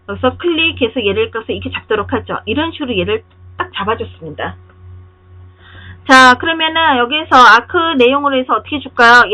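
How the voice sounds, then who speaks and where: A woman with a slightly raised pitch and a husky, breathy edge walks through software steps one by one. Her pitch moves a lot as she poses rhetorical questions to check that the viewer is keeping up. The recording is dull and lo-fi, like an older screen capture. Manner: step-by-step, directive instructing. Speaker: software instructor. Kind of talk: screen-recorded tutorial narration.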